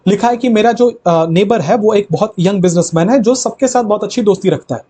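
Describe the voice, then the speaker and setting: A high-pitched, mellow, slightly husky man teaching an online grammar class. He moves quickly through his explanations and then slows right down to read each example sentence. He keeps asking his students questions and answering them himself. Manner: explains in fast Hindi, reads English sentences slowly. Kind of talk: live online grammar lecture.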